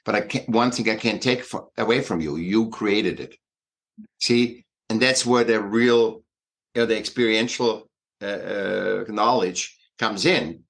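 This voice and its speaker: A man in his sixties with an Austrian accent speaks in a fairly low voice. He talks in a halting, emphatic way, stopping to restart his thoughts. His speech is full of fillers as he speaks as a guest in an interview. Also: creaky, fairly bright tone. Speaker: guest artist and educator. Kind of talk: conversational interview.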